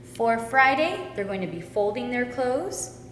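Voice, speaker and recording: A woman's voice: fairly high pitch, animated, measured pace, slight background noise. A woman giving an instructional demonstration of children's songs, explaining each step aloud as a teacher training other instructors. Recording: echoey hall, loud music behind. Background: loud music.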